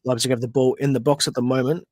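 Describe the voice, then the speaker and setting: A man's voice: mid-range voice, flat delivery, quick pace, dry recording. An Australian man hosting a casual livestream football watch-along, chatting, reading viewer questions and venting at players. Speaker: podcast host. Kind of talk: casual livestream match commentary.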